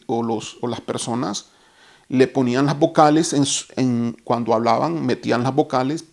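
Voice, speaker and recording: Guy giving a bible lesson, talks real slow, careful, fixes his own slips. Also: mid-range voice, gravelly, a little mellow. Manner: deliberate, explains term by term, corrects himself. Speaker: Bible teacher.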